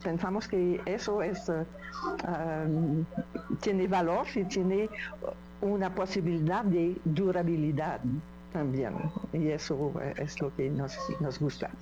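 A woman's voice: fairly low pitch, steady tone, takes it slowly, mellow, dull audio, a little hiss or hum. A woman from an aid association answering interview questions, hesitant with many fillers.

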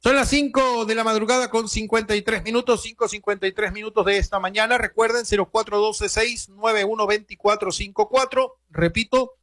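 A man hosting early-morning radio news in a notably high voice. He talks loosely and conversationally, dropping in wry asides between the news items. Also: fairly even intonation, a little fast, hardly any pauses, a bit bright. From Venezuela. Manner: conversational, reads quotes aloud, adds wry asides.

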